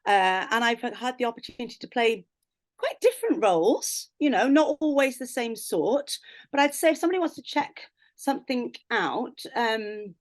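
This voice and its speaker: Bubbly chatty actress, high voice. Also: female voice, big pitch swings, moderate pace. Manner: chatty, bubbly, many fillers. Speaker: actress, interview guest. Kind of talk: casual interview chat.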